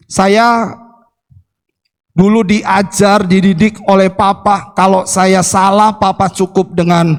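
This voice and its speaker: High gravelly man preaching in a hall. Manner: animated storytelling, repeatedly addresses the congregation. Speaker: pastor. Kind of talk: sermon. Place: church hall. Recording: long hall reverb.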